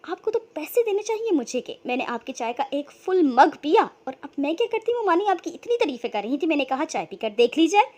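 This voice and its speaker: A woman voicing a sharp-tongued young woman about to be married, who talks in cheeky, mocking banter. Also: high-pitched, big pitch swings, fairly quick, hardly any pauses. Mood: teasing.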